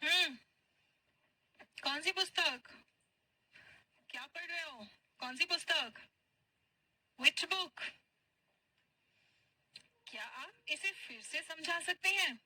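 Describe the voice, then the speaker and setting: High-voiced patient English teacher woman. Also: sharp tone, rough recording. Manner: patient, drills phrases slowly and repeats them. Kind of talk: spoken English class for Hindi speakers.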